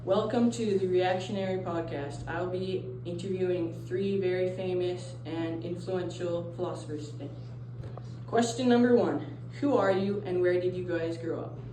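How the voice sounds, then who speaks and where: A woman's voice: on the low side, normal speed, natural voice. A teenage girl playing an interview show host in a school role-play, reading scripted questions plainly. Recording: roomy, distant mic, noisy.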